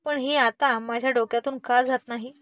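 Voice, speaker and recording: A woman voicing a spoiled, dramatic teenage boy who whines and complains loudly, in a read-aloud family story. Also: high-pitched, fairly even intonation, moderate pace, no room sound. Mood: brooding. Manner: whiny, loud complaining.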